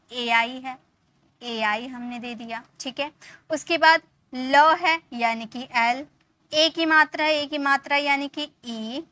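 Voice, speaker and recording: A woman's voice: sits high, sharp tone, no room sound. A woman teaching an English spelling lesson, explaining patiently, repeating herself and asking many rhetorical questions. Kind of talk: classroom lesson.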